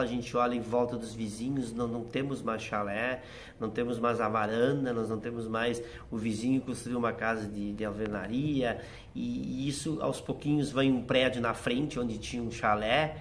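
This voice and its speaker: His voice sits in the mid range, a touch bright, with a little hiss or hum behind it. He's a middle-aged theater writer and actor from southern Brazil, speaking Rio Grande do Sul Portuguese shaped by German-settler speech. In this easygoing interview he tells nostalgic, thoughtful stories peppered with "né."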